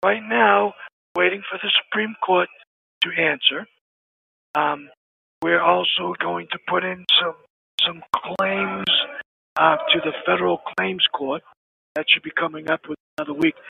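A man phones in from prison, and his high, gravelly voice comes through a thin, tinny phone line. He speaks earnestly and hammers his points home by saying them again. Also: animated, unhurried, no echo. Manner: earnest, emphatic, repeats key phrases. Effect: heard over a prison phone line. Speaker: caller, an inmate phoning in. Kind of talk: phone interview.

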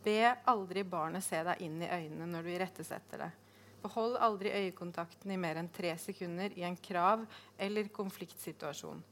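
Woman reading her own novel, kinda low voice, slow and careful, snaps loud in the shouty bits, faint hiss behind. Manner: measured, deliberate delivery with sharp outbursts in dialogue. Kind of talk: literary reading.

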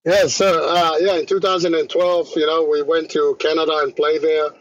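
Man, relaxed chatty guest, slightly high voice, dull lo-fi call audio. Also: moderate pace, no echo. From Australia. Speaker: guest, rugby league organizer. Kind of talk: casual interview answers.

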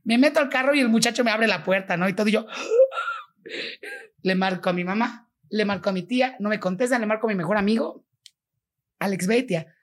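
A Mexican woman being interviewed, her voice breathy with a husky edge. She tells her story vividly, switching into the voices of each person she quotes. Her pitch sits in an ordinary middle range. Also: fast. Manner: animated, acts out quoted dialogue. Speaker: foundation founder, guest.

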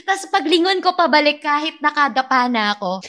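A young Filipino woman with a loud voice, telling a story animatedly in casual chat. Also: sits high, animated, fairly quick.

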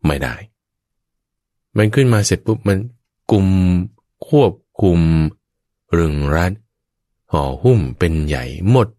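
Deep-voiced man giving a lively sermon. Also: a little slow, long pauses, dry recording, studio quality. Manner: lively storytelling with vivid sound words and playful asides; keeps addressing the listeners directly. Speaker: Buddhist dharma preacher. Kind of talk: sermon to radio listeners.

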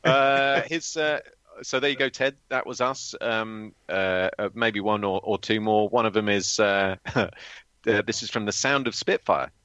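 A low-pitched man tells flying stories on a podcast, slipping into dry, defensive teasing. His voice sounds muffled and lo-fi, with a close, dead recording and no room around it. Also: measured pace, bright, forceful tone, smooth, no room sound. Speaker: former military display pilot, co-host. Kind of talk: casual podcast chat.

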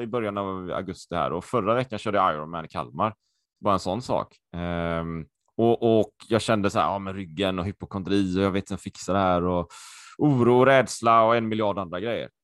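A man co-hosting a podcast over a video call, excitable and chatty, repeating himself with lots of fillers. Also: fairly low pitch, smooth, dry recording, studio quality. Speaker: podcast co-host.

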